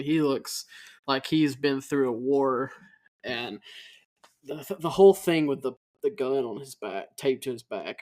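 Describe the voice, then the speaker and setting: A man co-hosting a casual movie podcast, rambling, laughing often and losing his train of thought. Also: mid-range voice. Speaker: podcast co-host.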